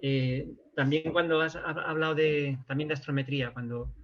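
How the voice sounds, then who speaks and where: A man taking part in an online course, asking a technical question haltingly and repeating words. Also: on the high side, fairly even intonation, dull audio, a little hiss or hum. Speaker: course participant.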